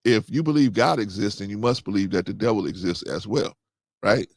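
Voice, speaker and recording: A man's voice: fairly low pitch, expressive, brisk, no echo. A man hosting a casual discussion, talking things through and often checking in with "right?". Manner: conversational, repeats "right?". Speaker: host.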